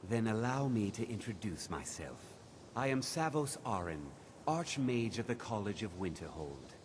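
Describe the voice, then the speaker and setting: A man's voice: lowish voice, sing-song, moderate pace. An actor playing a dignified male archmage who speaks in a formal, stately way. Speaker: game character. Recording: game audio with ambient noise.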